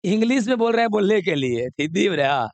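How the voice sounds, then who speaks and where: Coaxing, high-voiced male teacher. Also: big pitch swings, quick pace, creaky, dry recording. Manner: coaxing, scolding, mixes Hindi with English. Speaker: chemistry teacher. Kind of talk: classroom lesson. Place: classroom.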